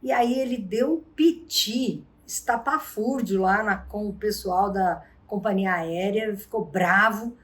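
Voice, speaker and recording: A woman hosting a vlog and giving advice on arguments, telling stories with lively acted-out quotes. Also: medium pitch, takes it slowly, hardly any pauses. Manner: animated storyteller, acts out quotes. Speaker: vlog host and relationship advisor. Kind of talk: casual advice talk.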